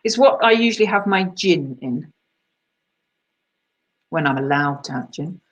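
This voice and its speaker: A woman's voice: sits low, expressive, measured pace, muffled recording. A woman hosting an online quiz over a video call, reading out the answers in a chatty, self-deprecating way and laughing at herself. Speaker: quiz host.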